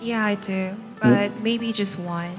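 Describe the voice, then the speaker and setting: A young woman from Korea, a native Korean speaker, answering as a student in a thoughtful, soft-spoken way. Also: mid-range voice, fairly even intonation, slow. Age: young adult. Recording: reverberant lecture hall with background music.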